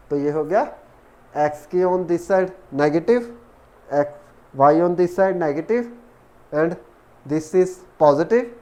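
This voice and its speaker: A man's voice: high voice, warm tone. A man teaching a math lesson step by step, counting terms aloud as he works. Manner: talks while working, counts terms aloud. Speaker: math tutor.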